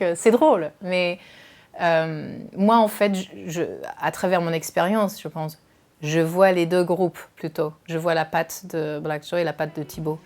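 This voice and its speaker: A musician from California with an American accent, answering interview questions in a hesitant way with many fillers, over faint music. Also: female voice, fairly low pitch, darkish tone. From California, USA. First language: English. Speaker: musician guest.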